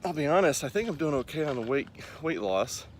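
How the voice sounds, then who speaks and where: This forties-aged vlogger has a slightly high, sing-song voice and a brisk delivery. Pacing around a lakeside park, he rambles self-deprecatingly in a casual running vlog, with clear outdoor ambient noise in the background.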